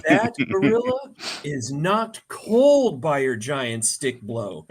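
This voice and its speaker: A man running a tabletop role-playing game as game master, cheering loudly at good rolls. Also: fairly high pitch, takes it slowly, husky. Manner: excitable, whoops and cheers at hits.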